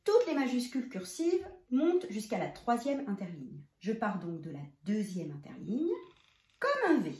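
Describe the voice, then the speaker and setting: In an echoey room, a woman whose slightly high, darkish voice swoops wildly in pitch gives a handwriting lesson to young children at a moderate pace. She addresses the child directly and goes through every stroke of the letter in order.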